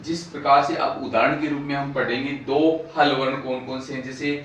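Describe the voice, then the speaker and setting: Male teacher, drawn-out syllable drills, bright tone, echoey room picked up from a distance. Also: medium pitch, fairly even intonation, slight background noise. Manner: slow, drawn-out syllable-by-syllable pronunciation. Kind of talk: classroom lesson. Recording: echoey room, voice far from mic.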